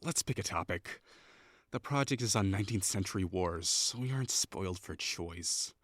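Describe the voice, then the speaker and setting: A young man with a low voice plays a prickly, condescending perfectionist classmate in a scripted audio roleplay, sounding bossy, sarcastic, and cold. He speaks at a moderate pace, and the studio recording is clean with no room sound.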